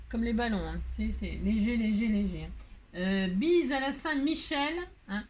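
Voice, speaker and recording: A woman's voice: on the high side, slight background noise. A woman crafting vlogger chatting casually, rambling and playful, with many fillers and jokes, feeling hot. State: hot, complaining of heat. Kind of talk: casual chat while crafting.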